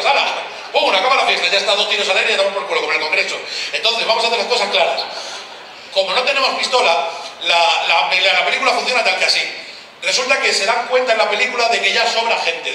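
A man's voice: high voice, bright, forceful tone, a little hiss or hum. A man doing live stand-up at a town festival, brashly teasing the crowd and swearing freely. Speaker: stand-up comedian. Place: outdoor town festival stage. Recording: echoey live stage sound from a distance.

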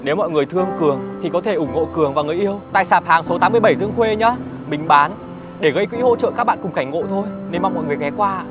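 Man playing a gentle, patient young wheelchair user. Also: high-pitched, racing, close to an everyday voice. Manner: soft-spoken, calm, consoling. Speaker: wheelchair user selling goods. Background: background music.

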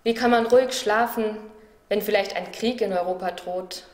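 A woman speaker from a church district giving a spoken devotional reflection in a calm, measured, reflective way. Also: mid-range voice. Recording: roomy echo.

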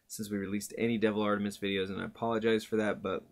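A man's voice: on the low side, flat delivery, rapid-fire. A young man hosting a reaction video in casual chat from a small room. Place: small wood-panelled room indoors.

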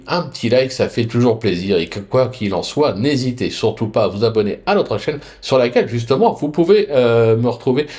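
A man's voice: medium pitch, a little mellow. A man presenting his horse racing betting tips in a video, upbeat, with frequent hesitant fillers between phrases. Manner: upbeat promotional delivery of picks.

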